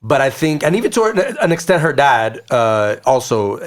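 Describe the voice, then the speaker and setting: A man on a casual podcast chat, giving measured, thoughtful takes on a film. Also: medium pitch, very animated. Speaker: podcast co-host.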